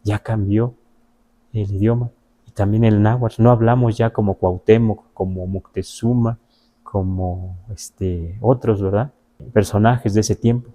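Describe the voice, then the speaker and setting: Patiently and conversationally, a native Nahuatl speaker from Mexico's Huasteca region of Veracruz leads an explanatory question-and-answer lesson, checking in with his listeners. He has a Mexican Spanish accent, and his voice is on the low side, steady, warm, and a little slow.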